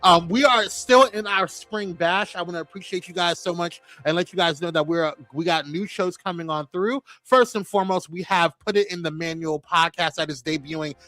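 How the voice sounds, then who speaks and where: Bright high-voiced man hosting a live stream. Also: moderate pace, few pauses, dry recording, faint music behind. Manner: playful, greets viewers by name, laughs often. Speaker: host. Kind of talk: live-stream show chat.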